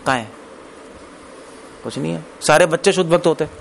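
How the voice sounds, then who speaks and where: Male preacher, slightly raised pitch, chatty lecture tone that keeps asking the room questions, faint hiss behind. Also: brisk, creaky. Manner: conversational, asks the audience questions; mixes English phrases into Hindi. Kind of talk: Hindi scripture discourse.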